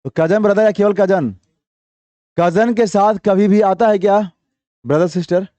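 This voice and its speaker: A man teaches English grammar to a class, reading example sentences slowly, explaining them briskly, and quizzing students with repeated questions. His voice sits high with a dark tone, and there is no room sound.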